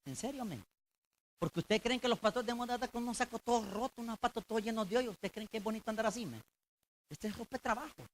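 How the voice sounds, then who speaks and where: Racing through his words over a little hiss or hum, a male pastor delivers a colloquial church sermon. He addresses the congregation directly, alternating loud emphasis with low, intense moments.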